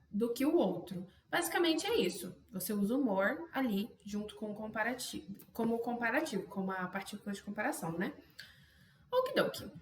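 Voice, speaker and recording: A Brazilian woman teaching an English grammar lesson, chatty and casual, often adding quick tag questions. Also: a little high, fairly bright tone, reverberant. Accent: Brazilian Portuguese. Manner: chatty, self-interrupting, frequent "né?" tags. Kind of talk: online language lesson.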